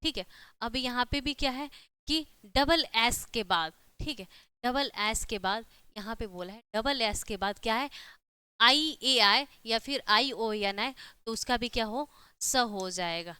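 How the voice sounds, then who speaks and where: A woman gives an online exam-prep lesson, walking through each rule step by step and checking in with her students again and again. Her voice is very clear and bright, slightly higher than usual. The sound is close and dry. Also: unhurried, no echo. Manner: repeats "ठीक है" and rhetorical questions, explaining step by step. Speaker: teacher.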